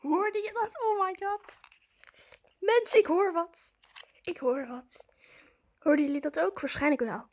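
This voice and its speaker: This woman's voice is very high, a touch slow, and broken by long pauses. She's a vlogger talking informally and chattily to her audience, describing her own actions as they happen.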